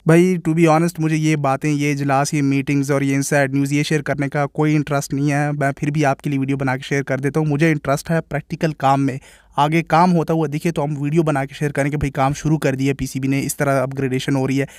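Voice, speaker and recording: A man with a Pakistani Urdu accent talks fast and on a narrow, fairly high pitch, airing his opinions to his viewers. He sounds exasperated and calls them brother. His voice is recorded close and dry, with no room sound. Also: level tone, darkish tone, no echo. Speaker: cricket vlogger. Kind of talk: casual commentary to viewers.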